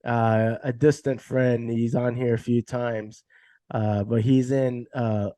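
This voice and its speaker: A man's voice: medium pitch, slow pace, no echo. A man hosting a podcast, chatting casually in a loose, rambling way. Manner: relaxed, rambling, many fillers like "like" and "you know". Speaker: podcast host.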